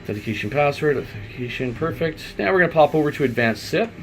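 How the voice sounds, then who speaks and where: An IT installer gives an informal, unscripted software tutorial, walking through the screen step by step and thinking aloud as he goes. His voice is on the high side, animated and quick, with a little hiss or hum in the recording.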